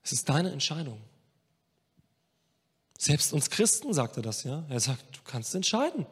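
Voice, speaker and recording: Impassioned preacher, higher voice, long hall reverb. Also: male voice, sing-song, measured pace, husky. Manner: impassioned, swinging between hushed and emphatic; addresses listeners directly. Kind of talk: sermon.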